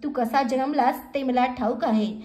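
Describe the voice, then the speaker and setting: A woman voicing the goddess Kali, a fierce, contemptuous female deity who scolds loudly in a devotional story reading. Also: high-pitched, normal speed, roomy sound, lightly acted. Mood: furious. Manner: scolding, loud.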